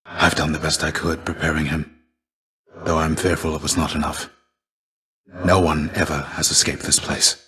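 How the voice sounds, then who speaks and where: A voice actor gives a video game's world-weary warrior shade a low-pitched voice and measured, archaic formality with theatrical weight. He is gentle and earnest, like a fatherly old mentor guiding a younger pupil, delivering his lines flatly in a wistful, gentle mood.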